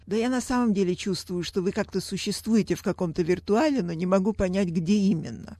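A woman's voice: medium pitch, fairly quick, mellow, no echo. A woman hosting a scripted mock interview. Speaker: host. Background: music.

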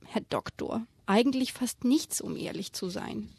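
A woman's voice: on the high side, animated, unhurried, creaky, a little mellow, husky, exaggerated voice. A woman doing a sulky near-blind racing seahorse. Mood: indignant.

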